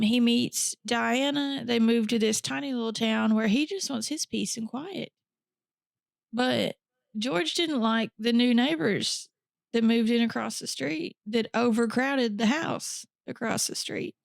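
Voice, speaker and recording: A woman's voice: on the high side, creaky, no echo. A woman podcast host telling a true crime story in a casual, chatty way, with blunt profane asides.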